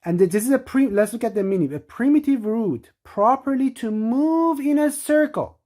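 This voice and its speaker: A woman's voice: fairly high pitch, darkish tone. A woman presenting a lesson, walking through words on screen, often repeating herself and restarting mid-sentence. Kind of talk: explaining scripture on screen.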